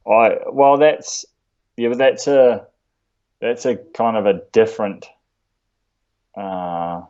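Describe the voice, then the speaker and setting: A man with a broad New Zealand accent chatting casually in a laid-back, slangy, halting way as a podcast guest. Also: fairly low pitch, animated, darkish tone, clean tone, muffled recording. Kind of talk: casual chat.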